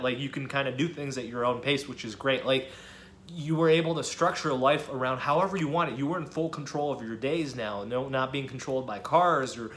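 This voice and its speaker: A young man talking casually to his viewers, rambling and animated, often breaking into laughs as he goes. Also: mid-range voice, a little hiss or hum. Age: young adult. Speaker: student vlogger. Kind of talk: casual talk to camera.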